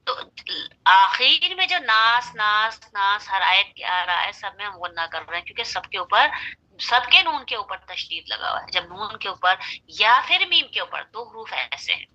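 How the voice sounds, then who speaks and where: A woman's voice: medium pitch, very animated, normal speed, sharp tone, dull audio. A woman teaching Quran recitation, patiently spelling out syllables and repeating them.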